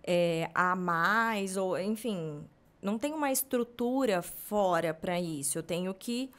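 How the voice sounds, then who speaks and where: A woman's voice: on the low side, a little slow, a bit bright. A woman from Brazil, hosting a podcast in casual conversation, who retells a friend's story and quotes her at length. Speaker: podcast host.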